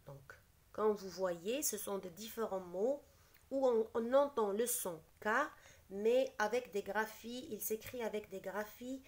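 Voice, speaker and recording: Slow, patient woman teacher. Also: mid-range voice, warm tone. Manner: explains patiently, repeats each word, switches briefly into Arabic. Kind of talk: slow spelling lesson, reading words aloud.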